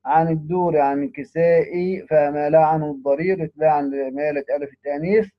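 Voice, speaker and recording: This somewhat high-voiced man teaches Quran readings, moving briskly through a classical text and stopping for short plain remarks. His tone stays steady. The audio is dull and lo-fi, dry and close, with no room sound.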